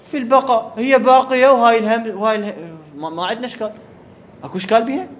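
A high-pitched man teaches a grammar class. He keeps asking whether the point is clear and repeats key words. Faint noise sits under the recording. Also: very fast, a bit bright. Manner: asks students questions and repeats key words. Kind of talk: classroom lecture.

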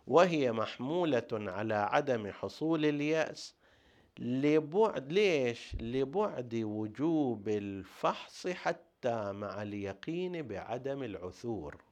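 A male teacher delivers a lecture on religious law at an ordinary, middle pitch. He works through each point step by step, pausing on rhetorical questions before he answers them. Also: animated, darkish tone. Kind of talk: jurisprudence lecture.

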